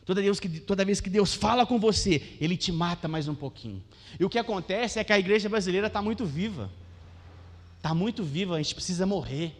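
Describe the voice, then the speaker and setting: A young Brazilian man preaching a sermon as pastor, animated and questioning the congregation. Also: sits high, fairly quick. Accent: Brazilian Portuguese. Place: church hall. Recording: long church hall reverb.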